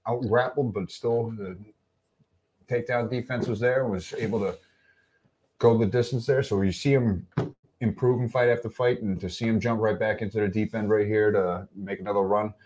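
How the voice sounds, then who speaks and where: A man's voice: lowish voice, fairly even intonation, moderate pace, darkish tone. A man co-hosting a fight podcast, giving a plain commentator-style rundown of fighters' records and skills. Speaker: podcast co-host. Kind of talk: casual fight-promotion podcast chat.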